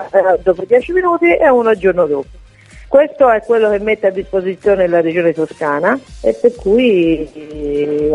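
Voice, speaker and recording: A woman calling in to a radio interview on a poor-quality phone line while on duty, talking haltingly with many fillers and restarts. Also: on the low side. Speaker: volunteer association head, phone-in guest.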